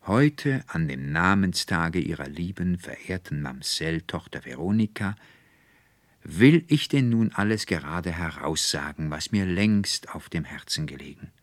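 A man's voice: sits low, expressive, measured pace, no room sound. A man voicing an emotional, effusive middle-aged male clerk in a pleading tone. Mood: solemn.

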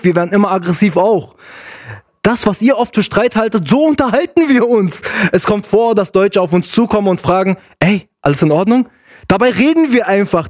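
A man's voice: high voice, darkish tone. A man in a casual discussion, explaining things with a wry, teasing manner.

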